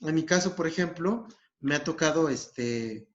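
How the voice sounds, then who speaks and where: Measured in pace, his voice is a little high and animated, carrying a Mexican Spanish accent. The psychologist walks through a therapy technique in a recorded lesson with frequent check-ins with his audience, and the audio sounds dull and lo-fi.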